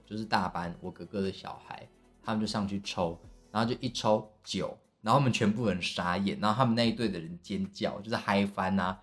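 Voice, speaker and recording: On his podcast, a young man with a low voice and a Taiwanese Mandarin accent tells a long family story in a casual way. He rambles, using lots of fillers and restarting his sentences.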